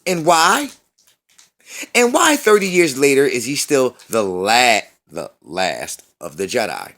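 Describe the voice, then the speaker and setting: A man's voice: medium pitch, sing-song, slow, a bit bright. A man in his thirties ranting in a casual movie review, profane, slangy and repeating himself. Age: 30s. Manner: slangy street talk.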